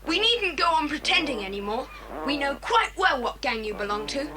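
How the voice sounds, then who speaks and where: Plucky, commanding British schoolboy, very high and lively, children's adventure drama. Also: female voice, moderate pace, a crowd in the background. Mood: defiant. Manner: decisive, crisp commanding delivery. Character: bold, resourceful young boy adventurer, taking charge. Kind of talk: acted children's audiobook dramatisation. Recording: noisy old cassette recording.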